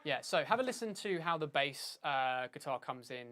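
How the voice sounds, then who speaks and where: A man teaching drums in a live stream, talking casually, sounding out beats with syllables, often pausing and correcting himself. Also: a little high, lively intonation, bright, forceful tone, soft background music. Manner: casual, vocalizes drum patterns with syllables; hesitant, many fillers and self-corrections. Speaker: drum teacher. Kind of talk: live-streamed drum lesson.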